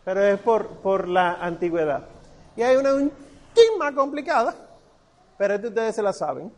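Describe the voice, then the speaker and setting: A man's voice: sits high, very animated, moderate pace, darkish tone. A man teaching a class on church Latin pronunciation, patiently explaining and drawing out the prayer words. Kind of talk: classroom lesson.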